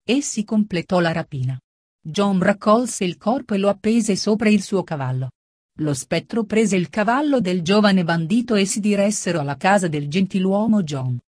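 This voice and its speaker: A woman reading a translated story aloud in a plain, even storybook manner. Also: mid-range voice, normal speed, no room sound, clean studio sound. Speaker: reader.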